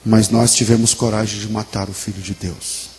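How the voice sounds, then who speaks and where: A man preaching a sermon and telling a story with emotion, moving between hushed lines and emphatic ones. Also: on the low side, little pitch movement, normal speed. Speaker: pastor.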